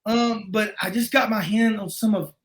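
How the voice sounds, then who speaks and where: Middle-aged male guest, high voice, animated rambling storyteller. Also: normal speed. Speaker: guest martial arts instructor. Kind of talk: casual conversation.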